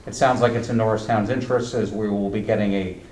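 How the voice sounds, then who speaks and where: A man's voice: fairly low pitch, fairly even intonation, fast talker, a little mellow, a little hiss or hum. Guy reading a council resolution, roomy echo, sounds far from the mic. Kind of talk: reading agenda items aloud. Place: council board room. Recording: echoey room, far mic.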